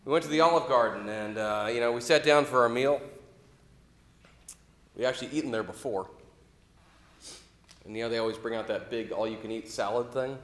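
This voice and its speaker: A man's voice: mid-range voice, fairly quick, long pauses, roomy sound. A middle-aged man telling a story in a sermon, talking conversationally and asking the listeners questions. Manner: conversational, asks the listeners questions, grows loud when quoting anger. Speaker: preacher.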